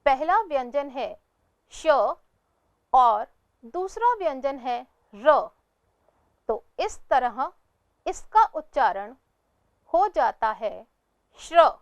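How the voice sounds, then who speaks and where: A woman with a high voice teaches at a very slow, deliberate pace. She sounds out each syllable on its own, then asks her pupils questions and answers them herself. The recording is dry and close, with no room echo. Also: big pitch swings. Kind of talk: slow scripted lesson narration.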